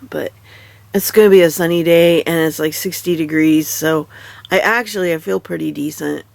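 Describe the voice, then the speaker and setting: A tired woman with a stuffy nose, half awake and chatting casually in a rambling, halting way. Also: low voice, creaky, a little mellow, dry recording. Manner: rambling, halting, many fillers and restarts. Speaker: vlogger. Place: in bed at home.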